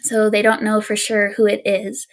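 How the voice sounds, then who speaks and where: A woman's voice: mid-range voice, normal speed. A woman co-hosting a podcast, telling a spooky story in casual chat with an easygoing manner and frequent laughs. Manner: relaxed, laughs often, easygoing with fillers. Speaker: podcast co-host.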